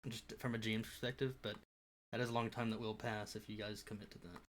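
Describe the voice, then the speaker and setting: A man's voice: lowish voice, level tone, fast talker, slight background noise. A man running a tabletop role-playing game as game master, talking in a laid-back, hedging way. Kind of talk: casual tabletop game narration.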